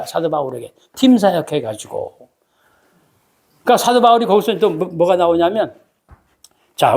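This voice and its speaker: A man preaching a sermon as pastor, telling the story with lively acted-out voices and calling for amens from the congregation. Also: on the high side. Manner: animated storytelling, acts out voices of biblical figures.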